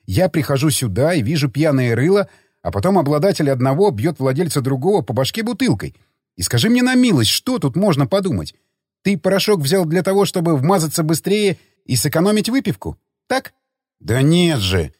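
A man's voice: on the high side, very animated, normal speed, husky, no echo, clean studio sound. A man voicing an angry scolding woman, a nurse, in an audiobook, hissing and lecturing.

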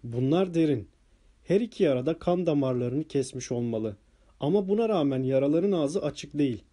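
A man voicing a small, excitable male doctor who earnestly explains what he has found, in an audiobook reading. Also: a little high, moderate pace. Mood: explaining.

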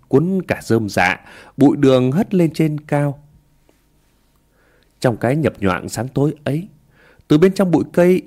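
A man narrating a ghost story in a slow, hushed storytelling manner. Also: mid-range voice.

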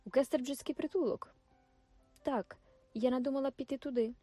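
A woman's voice: sits high, normal speed, dark tone, slightly rough, no room sound, soft background music, pitched above the performer's own voice. A woman reading the lines of a poor, worn-out young woman, meek and polite. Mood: timid.

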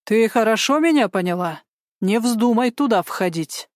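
A woman voicing a stern, impatient male police major with a creaky, unpleasant voice in an audiobook. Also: medium pitch, measured pace, darkish tone, no echo, studio quality, natural voice. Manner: gruff and commanding. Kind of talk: audiobook character voice.

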